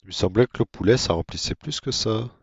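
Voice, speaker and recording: A man giving casual, monotone commentary on his own gameplay, with self-mocking asides. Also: fairly low pitch, fairly quick, gravelly, breathy edge, no room sound, muffled recording. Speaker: gaming video creator.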